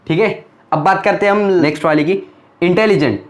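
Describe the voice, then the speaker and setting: A young man with a fairly high voice teaching a grammar lesson at a board. He keeps asking questions and then answers them himself, in a patient and explaining tone. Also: brisk.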